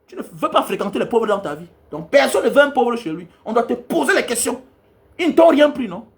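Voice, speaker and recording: A travel vlogger, a man, talks in a high-pitched voice. He scolds his audience angrily and repeats each point again and again. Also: very animated, brisk, creaky. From Cameroon. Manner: angry, scolding, repetitive hammering of points. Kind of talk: ranting monologue to viewers.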